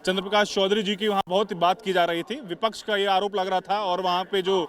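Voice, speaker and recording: A male news reporter with a high voice speaks from outdoors at a party convention venue. He asks long, probing questions with frequent fillers and restarts. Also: level tone, brisk, a bit bright. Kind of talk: on-site news interview.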